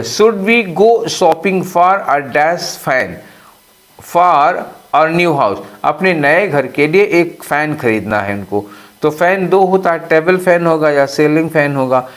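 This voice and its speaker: A man's voice: a little high, lively intonation. A man teaching English for an exam, explaining in a mix of Hindi and English and asking and answering his own questions. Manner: slows way down to read out English phrases. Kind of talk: exam-prep lesson.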